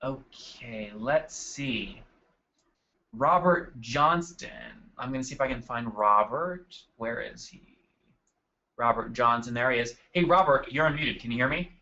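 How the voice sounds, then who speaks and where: A man's voice: mid-range voice, unhurried, sharp tone, dull audio. A man hosting a live marketing webinar from his desk, upbeat and chatty, calling on attendees by name. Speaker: webinar host. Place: at a desk indoors.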